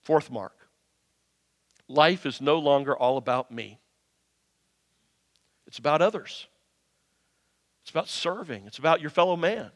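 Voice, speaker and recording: A man's voice: fairly high pitch, expressive, a little slow, long pauses. A man preaching a sermon, emphatic and conversational, addressing listeners directly with rhetorical questions and repetition. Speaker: pastor preaching. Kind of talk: sermon to a congregation. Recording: long reverberant hall sound.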